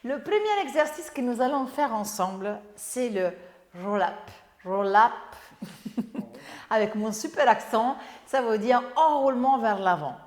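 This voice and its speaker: A woman instructor leading a Pilates workout, upbeat, giving brisk exercise and breathing cues. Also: fairly high pitch, very animated, darkish tone. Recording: echoey room with long reverb.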